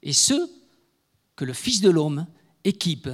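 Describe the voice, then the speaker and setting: A man's voice: on the high side, big pitch swings, slow, a bit bright, breathy edge, in a large hall. A man preaching a sermon, speaking with emphasis and asking rhetorical questions of his listeners.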